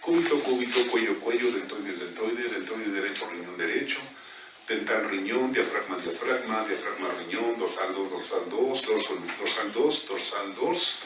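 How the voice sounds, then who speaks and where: A man working as a biomagnetism therapist, reciting pairs of body points in a quick, steady murmur during a live scan. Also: fairly low pitch. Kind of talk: rapid-fire live scanning recitation. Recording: echoey room, distant mic, background noise.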